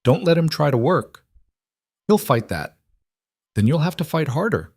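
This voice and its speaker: A man voicing a grave, kindly country doctor who speaks quietly, steadily and firmly, as an audiobook character. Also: on the high side, very animated, a little slow, dry recording, clean studio sound, voice pushed up, heavily acted. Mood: gently firm.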